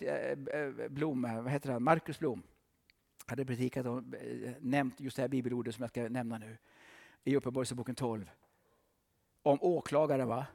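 A middle-aged man preaching a sermon dramatically, swinging from loud outbursts to hushed whispers. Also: mid-range voice, gravelly. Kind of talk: animated sermon.

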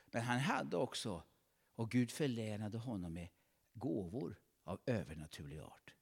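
A man's voice: fairly low pitch, expressive, vocal fry, breathy edge. A man preaching a fervent sermon in a church, calling out praises between his points. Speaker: pastor.

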